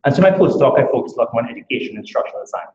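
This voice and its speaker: With lively intonation and rapid-fire delivery, a Trinidadian academic from Trinidad and Tobago speaks earnestly at a conference, leaning on rhetorical questions. His medium-pitched voice is a little mellow. The lecture room recording comes across as echoey and dull.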